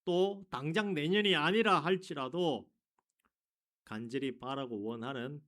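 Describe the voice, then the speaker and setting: A male pastor preaching a sermon, asking the congregation rhetorical questions and rising to loud emphasis on key words. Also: on the high side, measured pace.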